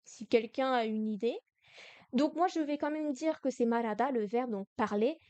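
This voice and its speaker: High-voiced woman teaching Korean in French. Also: darkish tone, no room sound, dull audio. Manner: explains slowly, repeating words and correcting herself. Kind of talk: live-streamed Korean lesson in French.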